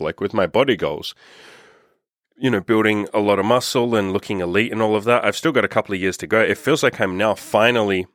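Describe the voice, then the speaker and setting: Male, 30s, coach type. Deep voice, dry close sound, frank and profane, upbeat podcast chat. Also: a bit bright, dry recording. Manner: candid, upbeat and heavily profane. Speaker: dating and self-improvement coach. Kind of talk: casual podcast monologue.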